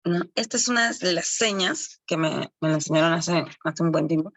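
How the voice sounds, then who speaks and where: A woman's voice: on the low side, moderate pace, fairly bright tone, no room sound. A woman giving an online lecture to early-education assistants, explaining as she goes and correcting herself often. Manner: explanatory, with frequent self-corrections.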